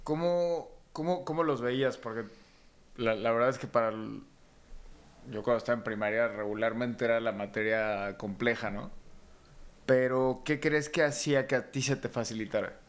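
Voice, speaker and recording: Male host, friendly and halting, roomy far-off sound, slight noise. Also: mid-range voice. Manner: friendly, hesitant with repeated words. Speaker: host, interviewer. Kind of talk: casual interview. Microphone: away from the mic. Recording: roomy, distant mic.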